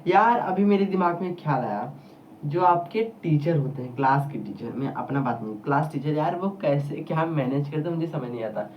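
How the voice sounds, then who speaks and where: A man's voice: on the high side, lively intonation, normal speed. A male teacher giving a casual whiteboard lesson, chatty and rambling, speaking straight to his students. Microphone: camera across the room. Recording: distant muffled camera audio, faint hiss.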